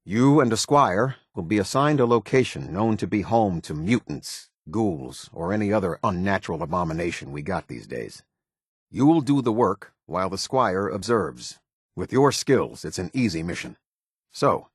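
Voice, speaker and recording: Stern airship captain for a video game, deep, dry close recording, clipped and authoritative. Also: male voice, breathy edge, no echo. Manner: formal, clipped military authority. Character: stern, disciplined male military airship captain. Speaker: game voice actor. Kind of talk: scripted game character dialogue.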